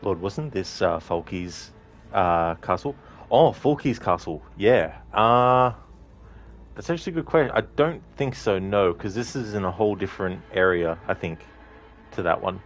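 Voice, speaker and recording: A man's voice: low-pitched, normal speed, faint music behind. A man giving casual gameplay commentary in a dry, wry manner.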